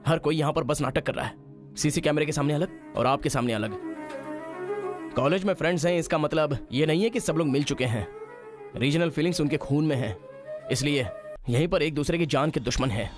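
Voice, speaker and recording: A man's voice: a little high, brisk, music in the background, natural voice. An actor playing a man who earnestly explains the situation to his superior, calling him sir. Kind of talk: Hindi film dialogue.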